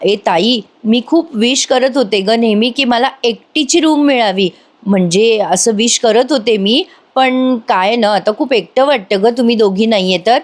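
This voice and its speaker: Playful teen sister, a woman narrator doing her: bubbly, teasing, bright high voice. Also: a little slow, lightly acted. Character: chirpy teenage younger sister, playful and teasing.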